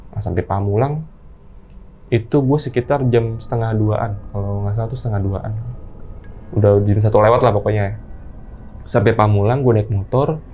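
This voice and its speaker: A man's voice: lowish voice, a little mellow. Man telling a spooky tale. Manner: halting, unhurried, with slangy asides. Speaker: guest storyteller. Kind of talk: casual ghost-story telling.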